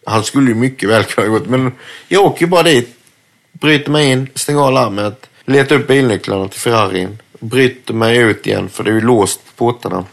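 A man's voice: medium pitch, creaky. A man, an interview guest, telling a story casually with lots of swearing and acted-out quotes. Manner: vivid, swears freely, acts out quotes.

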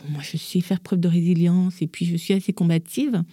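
Woman from Gabon, podcast guest, lowish pitch, warm mellow voice, dry close mic. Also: fairly quick, husky, dry recording. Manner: lively, acts out quoted voices. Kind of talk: candid personal storytelling.

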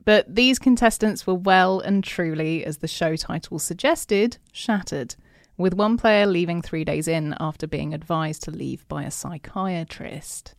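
A woman's voice: on the low side, a little slow, vocal fry, no room sound, clean studio sound. A woman co-hosting a podcast, reading from notes in a giggly, chatty way with frequent laughs. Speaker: podcast co-host. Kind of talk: reading notes mixed with casual chat.

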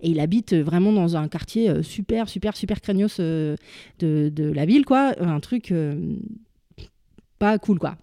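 Woman, casual storyteller, slangy and halting, mellow dry voice. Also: lowish voice, animated, dry recording. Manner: chatty, halting, full of fillers and slang. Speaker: storyteller guest. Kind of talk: casual personal anecdote.

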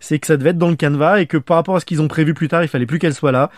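A man's voice: on the high side, steady tone, racing, no room sound, studio quality. A man with a French accent hosting a casual film discussion podcast, rambling and self-correcting as he talks. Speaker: podcast host.

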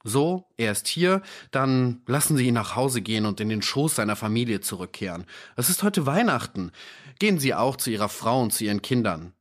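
A man voicing a weary, heartbroken young gentleman in an audiobook. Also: medium pitch, sing-song, normal speed, natural voice. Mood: weary moodiness. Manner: weary and moody.

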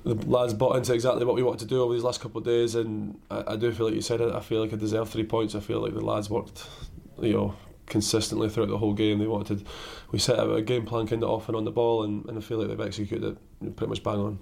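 Croaky-voiced man in a post-match interview. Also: lowish voice, flat delivery, a little mellow. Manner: halting, repeats words and restarts. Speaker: caretaker player-manager.

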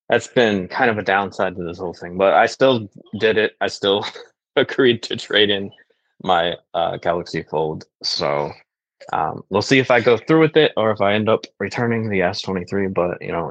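A man co-hosting a casual tech podcast, relaxed and candid. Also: deep voice, no room sound, lo-fi sound. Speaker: podcast co-host.

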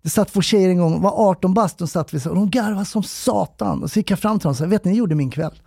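Gravelly, chatty Swedish-speaking older man. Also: sits high, darkish tone, no room sound, studio quality. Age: 50s. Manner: chatty, rambling, laughs often. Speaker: comedian and podcast guest, former police officer. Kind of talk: casual podcast chat.

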